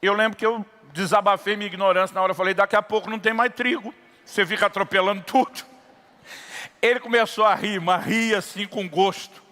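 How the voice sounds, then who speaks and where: A man's voice: high-pitched, steady tone, fairly quick, sharp tone. A middle-aged Brazilian pastor with a Brazilian Portuguese accent, preaching a sermon and acting out dialogue as he tells a story. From São Paulo state, Brazil. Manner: acts out dialogue in a story, builds to impassioned preaching. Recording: long reverb of a church hall.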